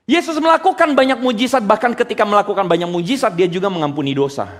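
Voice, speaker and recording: Man, pastor, animated sermon, high voice, long hall reverb. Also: fast. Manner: animated, acts out quotes in voices; addresses listeners directly, asks questions. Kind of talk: preaching to a congregation.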